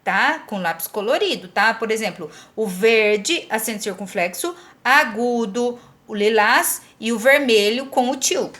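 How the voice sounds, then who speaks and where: A Brazilian woman with a high, bright voice teaches a lesson at an unhurried pace. She explains each step patiently and keeps checking in with the listener as she goes. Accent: Brazilian Portuguese. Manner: patient, repeats "tá?" to check understanding. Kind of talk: recorded classroom lesson.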